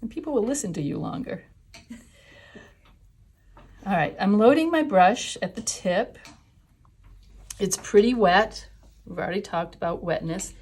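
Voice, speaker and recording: A woman's voice: medium pitch, animated, unhurried, pauses often, a little mellow, breathy edge. A woman teaching a watercolor class, talking through each step as she paints. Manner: chatty, explains steps while painting. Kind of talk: live class demonstration.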